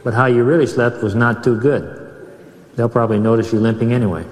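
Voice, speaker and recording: A man narrating a humorous recording in a dry, understated, deadpan way. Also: medium pitch, quick pace, background noise. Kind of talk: deadpan comic instruction. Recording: recording played through speakers in echoey church.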